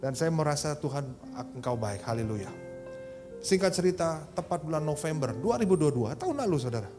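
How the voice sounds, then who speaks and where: High-voiced Indonesian man preaching over music. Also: sing-song, brisk. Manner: emotional storytelling, addresses listeners as "saudara". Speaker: pastor. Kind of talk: sermon. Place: church service.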